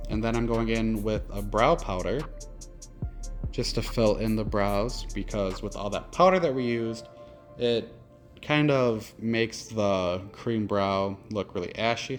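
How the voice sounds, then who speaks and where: Low-voiced man with a lisp. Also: unhurried, faint music behind. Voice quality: lisp, slushy s sounds. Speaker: drag performer doing a makeup tutorial. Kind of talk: casual makeup tutorial voice-over.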